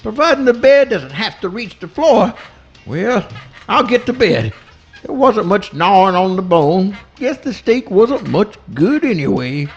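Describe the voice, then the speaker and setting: Radio comedy possum: rustic speech, plaintive, gentle-tempered, extremely high pitch, lively swoops. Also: male voice, unhurried, lo-fi sound, faint music behind, exaggerated voice. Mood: weary, grumbling. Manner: folksy rustic dialect, plaintive. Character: good-natured, put-upon little male swamp possum. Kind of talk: live comic radio play reading.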